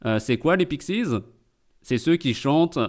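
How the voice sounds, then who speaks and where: A man's voice: a little high, lively intonation, measured pace, darkish tone, faint music behind. A man streaming live and doing comedic translation commentary, full of joking, rambling asides.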